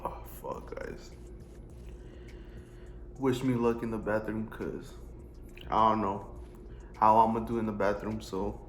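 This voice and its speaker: A man's voice: on the low side, flat delivery, normal speed. A man chatting casually to his viewers as a vlogger. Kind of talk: casual vlog chat to viewers. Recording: echoey room, clear background noise.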